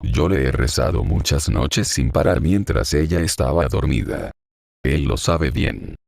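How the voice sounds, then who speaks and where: A man's voice: very deep voice, expressive, unhurried, gravelly, darkish tone, no room sound, studio quality, heavily acted. A man reading the part of a grieving, confused old man in an audiobook, murmuring in a hollow voice as if talking to himself.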